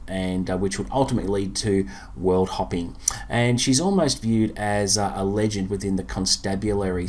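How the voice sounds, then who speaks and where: A man giving a casual spoken book review, relaxed and chatty with many fillers and pauses. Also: deep voice.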